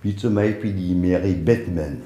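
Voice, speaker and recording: Inside a museum, a man leading an informal guided tour spins folksy stories, frequently posing questions he goes on to answer. He talks at a normal speed in a low voice, with noise in the background.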